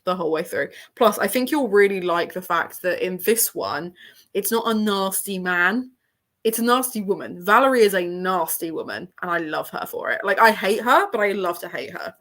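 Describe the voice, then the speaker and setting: A book channel host with an English accent chats through a casual livestream, her medium-pitched voice expressive and fairly bright at a moderate pace. She's at her parents' home with a sore throat, rambling along and laughing a lot.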